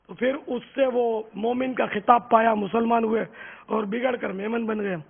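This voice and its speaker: A man's voice: very high voice, steady tone, vocal fry, husky, long reverb tail. An older man, a religious scholar, explaining answers and correcting pronunciation on a quiz show. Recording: tinny phone-like broadcast audio.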